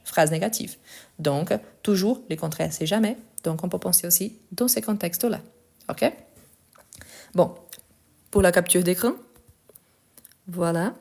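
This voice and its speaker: A woman's voice: fairly low pitch, mellow. A woman with a non-native accent in French, teaching a live online lesson. She explains step by step, often checks in with the viewers, and tends to speed up as she talks. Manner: tends to speed up while talking.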